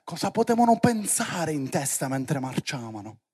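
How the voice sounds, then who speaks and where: Theatrical male preacher, slightly high voice. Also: big pitch swings, moderate pace. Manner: theatrical, rising to loud exclamations. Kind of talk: lively sermon to young people.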